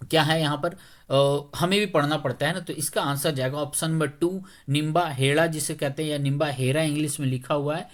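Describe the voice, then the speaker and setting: A male teacher, a little under the weather, talking slowly through exam questions in a conversational way and often checking whether students follow. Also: on the high side. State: slightly unwell, speaking slowly.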